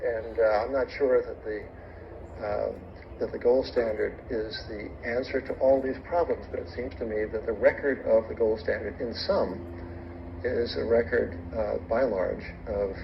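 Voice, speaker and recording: A man speaking in a formal public debate, in a halting, deliberate, wry and bookish way. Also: medium pitch, steady tone. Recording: dull recording with clear background noise.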